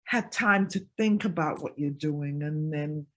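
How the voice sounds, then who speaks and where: Female interview host, lower-pitched voice, casual and encouraging, repeats herself for emphasis. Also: measured pace, a bit bright. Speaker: show host.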